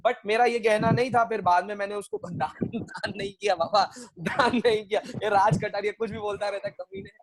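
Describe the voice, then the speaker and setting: A man's voice: high voice, steady tone, fairly quick, hardly any pauses, slight background noise, low-quality recording. A man teaching an online accounting class, mixing Hindi and English, joking with his students and repeating phrases as he quizzes them.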